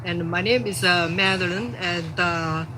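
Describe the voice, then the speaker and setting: An older woman from Taiwan, an engineer giving unscripted remarks at a press event, halting and full of fillers. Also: on the low side, noisy background. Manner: halting, many fillers and restarts.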